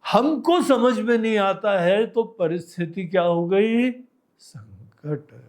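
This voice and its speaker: A man who is a swami gives a spiritual discourse, telling it unhurriedly like a story and drawing on everyday examples, with his voice dropping low and soft for asides.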